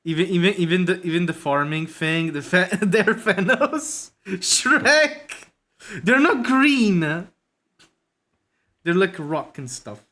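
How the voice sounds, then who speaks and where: A man's voice: on the high side, slow, fairly bright tone. Man, casual stream chat, joking and laughing a lot. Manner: laughing often, loose and joking. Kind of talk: casual chat while drawing.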